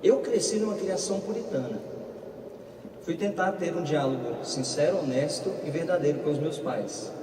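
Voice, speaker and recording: A young Brazilian man gives a lively, humorous church talk, acting out dialogue as he tells his stories. The sound is echoey with a long reverb tail, captured from a distance in a big hall. Steady background noise runs underneath. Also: fairly high pitch, normal speed. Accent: Brazilian Portuguese. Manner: animated, humorous storyteller who acts out dialogue. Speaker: speaker at marriage preparation course. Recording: roomy hall, far from the mic, noisy.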